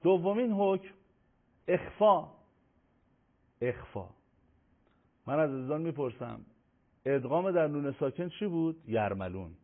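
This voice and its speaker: A man teaching a Quran recitation lesson on tajweed rules, explaining in a measured way and slowing down to recite and spell out each example. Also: a little high, animated. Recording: tinny phone-like audio.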